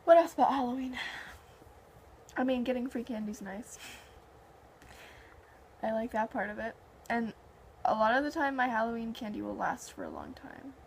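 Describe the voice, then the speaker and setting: A woman's voice: a little high, normal speed, gravelly, pauses often, a little hiss or hum. A young woman in casual chat, telling stories in a conversational way and acting out quoted dialogue. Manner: animated anecdotes with heavy filler "like" and quoted dialogue.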